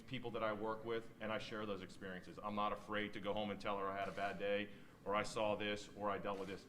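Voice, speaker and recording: Low-voiced American police officer giving a speech. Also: male voice, fairly bright tone, a little hiss or hum. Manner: plain-spoken, encouraging. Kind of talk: informal ceremony speech to new recruits. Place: indoor ceremony venue.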